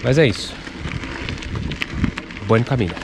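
A cycling vlogger, congested from a cold, chats casually while riding country roads, captured by an action camera on his handlebars. His stuffy mid-range voice is expressive and unhurried, with vocal fry. The running commentary is loose and rambling, with restarts, over outdoor background noise.

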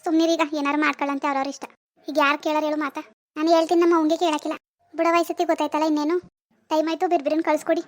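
A woman's voice: sits high, flat delivery, rapid-fire, no room sound. A woman, performing a chatty, gossipy village comedy skit.

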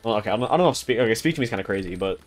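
A man's voice: on the low side, animated, very fast. Rambling young male gaming streamer. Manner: rambling, filler-heavy, talking to chat. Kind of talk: casual live gameplay commentary.

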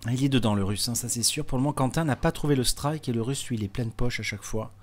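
A man's voice: medium pitch, quick pace, a little hiss or hum. A man giving live bowling commentary, chatty and explanatory, with many small fillers. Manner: chatty, explanatory, with frequent hein and euh fillers.

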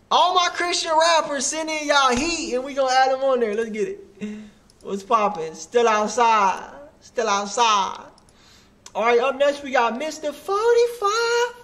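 A man in his thirties hosting a music review stream, reacting in casual, animated street slang. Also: extremely high pitch, measured pace. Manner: hyped, animated, full of slang like bruh. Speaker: host of a music review livestream.

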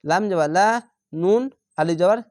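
A man teaches Quran reading, patiently spelling out Arabic letters and syllables one by one, repeating them, and drawing out the long vowels for learners. His voice sits high with a darkish tone and a slightly slow pace. The recording is studio quality with no echo.

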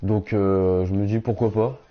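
A young man chatting casually on a game live stream, reading out viewers' messages and answering them in slangy, relaxed talk. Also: lowish voice, unhurried. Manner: slangy, reads chat aloud and answers viewers. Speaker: gaming streamer. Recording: dull lo-fi stream audio.

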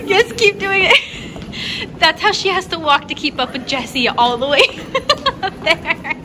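A 22-year-old woman vlogging chattily from her airplane seat, easily excited, talking into a phone camera held close. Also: sits high. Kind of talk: casual travel vlog. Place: airplane cabin by the window. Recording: plane engine noise, distant mic.

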